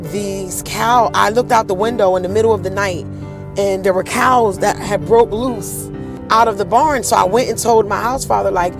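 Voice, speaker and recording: On a casual outdoor storytelling tour, the host speaks in a deep, husky female voice at a moderate pace, with music playing in the background. She's lively and imitates the voices of anyone she quotes.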